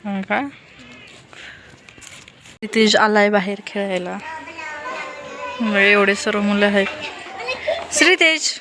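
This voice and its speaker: On a rooftop terrace, a young mother records a relaxed vlog on her phone, addressing the camera and coaxing her child with questions. Her medium-pitched, fairly bright voice is flat and slow, with frequent pauses. The phone audio is noisy and outdoor.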